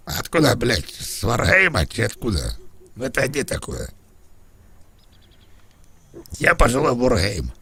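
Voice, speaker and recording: A man's voice: medium pitch, huge pitch swings, moderate pace, creaky, pushed and bright, husky. A man trolling other players in a game voice chat over a headset, crude and provocative, pleading in mock distress. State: claims to be drunk.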